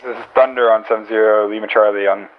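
Fast, terse male radio operator, heard through a muffled radio with static bursts. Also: on the low side, steady tone. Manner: brisk, terse military radio speech. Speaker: player on military radio net. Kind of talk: clipped radio procedure callouts. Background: radio static noise.

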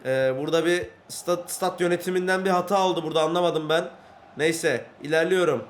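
A young man hosting a gaming channel, giving live commentary on his own football match and getting worked up, shouting and swearing at the players. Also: a little high, a little fast, a little hiss or hum. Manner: excitable, shouts and swears at the game.

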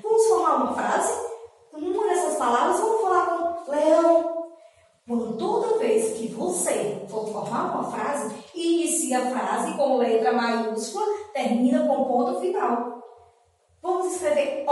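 A woman teaching a slow, sing-song lesson to young children, drawing out syllables and counting aloud. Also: sits high, a little mellow. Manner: drawn-out syllables, counting and asking questions. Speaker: preschool teacher. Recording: echoey room from far off.

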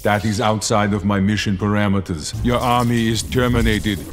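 An actor playing an emotionless male cyborg who speaks in a flat, clipped, smooth machine-like way in video game dialogue. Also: lowish voice, moderate pace, noisy background, lightly acted. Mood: cold.

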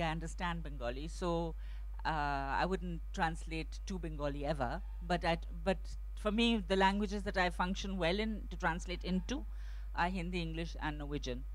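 On an outdoor festival stage, a middle-aged woman serving as a translator on a panel answers questions into a handheld mic. She speaks thoughtfully with many restarts and fillers in a lowish voice, and the recording is rough.

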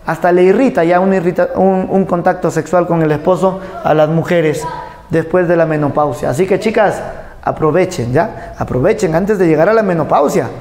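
A man's voice: high-pitched, moderate pace, a little mellow, reverberant. A man teaching an anatomy class, joking, quizzing his students and acting out cries and gasps. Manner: playful, jokey, asks the class questions and acts out sounds. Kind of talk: lively class lecture.

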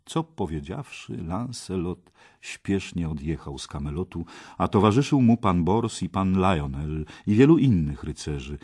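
A man reading an audiobook in calm, measured narration. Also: low voice, breathy edge. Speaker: audiobook reader. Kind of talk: scripted narration.

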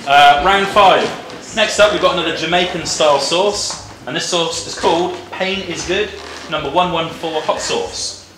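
A man's voice: fairly high pitch, moderate pace. A man hosting a food challenge quiz casually, with jokey teasing banter. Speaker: host of a hot wings quiz challenge. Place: office meeting room, indoors. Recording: echoey room, background music. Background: music.

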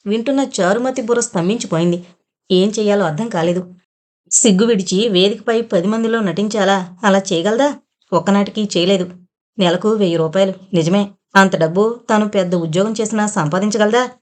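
A woman's voice: mid-range voice, fairly quick, darkish tone. A woman steadily narrating a novel as an audiobook reader.

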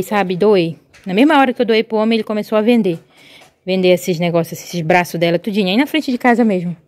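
A woman from Belém, Pará, Brazil, with a mid-range voice and a Paraense Brazilian Portuguese accent, chats casually to her viewers in a home vlog. She is lively and quick to exclaim, filming on a handheld phone around her yard and rooftop.

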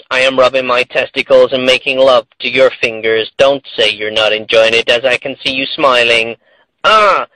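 A male text-to-speech robot voice playing an alien inside a mobile phone, with a flat, mechanical delivery. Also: medium pitch, no room sound, rough recording.

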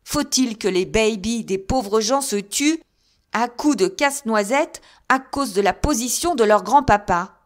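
A woman's voice: medium pitch, unhurried, hardly any pauses, dark tone, lightly acted. A woman reading aloud, putting on a flustered father who pleads in exasperation. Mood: exasperated.

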